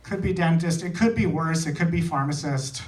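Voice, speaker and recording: A man from India does stand-up in a small comedy theater, his fairly high voice moving at a moderate pace. He delivers short phrases in a dry, self-deprecating way. The recording is echoey, with a distant mic and loud noise.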